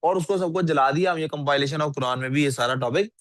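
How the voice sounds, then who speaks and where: Guy teaching a class, keeps asking students stuff, kinda high voice. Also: brisk, fairly bright tone, dry recording. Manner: asks the class frequent questions, scolds sleepy students. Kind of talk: classroom lecture.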